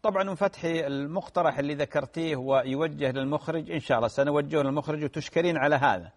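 A man, a sheikh answering listeners' religious questions in a gentle advisory way. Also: fairly high pitch, very fast, in a large hall. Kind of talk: radio religious Q&A.

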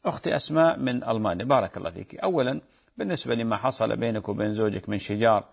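A man preaching and answering viewer questions at a brisk clip. His voice has a gravelly edge and his tone is earnest and exhorting. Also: medium pitch. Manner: earnest, exhorting, reads out questions then rules firmly. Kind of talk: religious advice and fatwa answers.

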